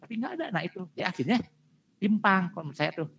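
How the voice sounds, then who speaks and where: Male lecturer, brisk delivery, blunt classroom feedback with repeated emphasis. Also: high-pitched, lively intonation, creaky, a bit bright, slightly rough. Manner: direct, repetitive emphasis with frequent fillers. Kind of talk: giving feedback on student presentations.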